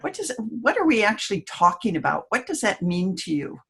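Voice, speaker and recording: A woman hosting an online panel discussion, introducing guests in a measured way. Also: medium pitch, sing-song, vocal fry, a bit bright, slightly rough. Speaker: panel host.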